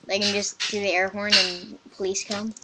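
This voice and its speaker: A woman's voice: medium pitch, level tone, normal speed, very noisy. A woman hosting casual gameplay commentary on a computer mic, rambling and chatty with lots of "like". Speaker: gaming channel host.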